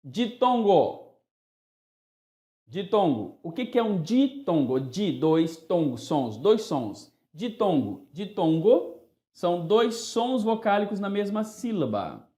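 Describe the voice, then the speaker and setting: A male teacher giving a grammar lesson, animated and playful, sometimes calling words out in a singsong voice to show the stressed syllable. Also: high-pitched, slow pace, reverberant.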